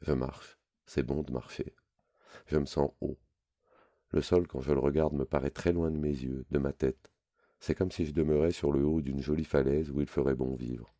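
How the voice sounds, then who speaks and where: A man reading a literary story aloud in a measured, low, intimate way. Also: steady tone, warm tone. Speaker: reader.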